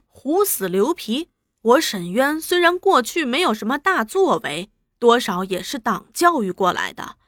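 A woman voicing a frightened male prisoner who talks to himself in a quiet, brooding way. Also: a little high, dry recording, clean studio sound. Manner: quiet, brooding inner monologue.

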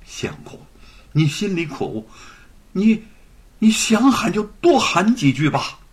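A man voicing a gentle young wife who speaks softly and tenderly to comfort her husband. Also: sits high, very animated, takes it slowly, husky, pitched above the performer's own voice, exaggerated voice. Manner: soft, tender, coaxing.

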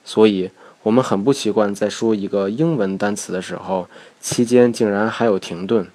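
A Chinese man speaks in a fairly low voice, narrating a lesson from a script. His delivery is measured and explanatory, and he slows right down to demonstrate words. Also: dark tone. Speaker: English teacher.

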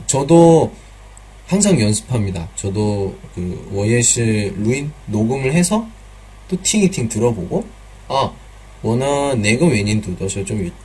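A man's voice: lowish voice, darkish tone, breathy edge. A man teaching pronunciation in a live online class, patiently repeating drill sounds and mixing in some Chinese words.

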